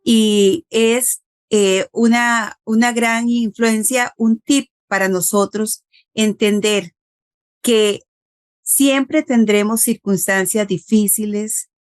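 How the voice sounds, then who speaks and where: A woman hosts an interview at an unhurried pace. She speaks reflectively, drawing out her phrases as she sums up her guest's story. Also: fairly high pitch, fairly even intonation. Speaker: interview host. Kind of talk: conversational interview.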